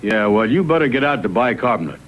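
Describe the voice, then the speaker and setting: A man's voice: medium pitch, lively intonation, fast, slight background noise, natural voice. Man as a dry, doubtful cartoon sidekick, muffled sound. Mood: skeptical. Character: plain, skeptical male cartoon sidekick, slow-witted but wry. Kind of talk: 1960s TV cartoon comedy acting. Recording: muffled vintage TV soundtrack, loud music.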